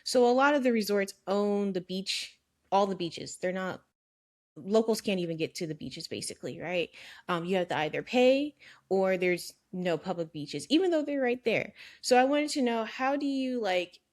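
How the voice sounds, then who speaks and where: A woman podcast host who asks the author questions in a curious, measured way. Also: medium pitch, lively intonation, darkish tone.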